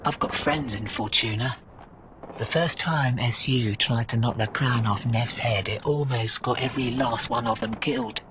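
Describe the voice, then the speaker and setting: A woman with a bass voice performs scripted video game dialogue as a tough, sardonic, weary streetwise mercenary. Her delivery is clipped, slangy, grave and resolute, at normal speed. She's recorded from a distance against a noisy background.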